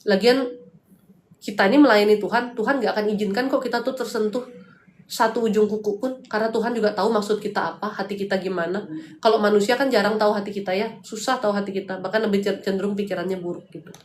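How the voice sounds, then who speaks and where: A woman's voice: medium pitch, steady tone, fast talker, slight background noise. A woman from hosting a live spiritual consultation, blunt and chatty, mixing preaching with slangy asides. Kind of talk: casual livestream talk, answering viewers. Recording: echoey room.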